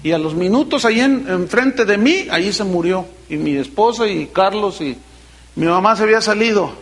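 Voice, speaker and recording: A man's voice: high voice, lively intonation, normal speed. A middle-aged Mexican man preaching a sermon as pastor, telling folksy, personal stories with teasing, earnest remarks. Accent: Mexican Spanish.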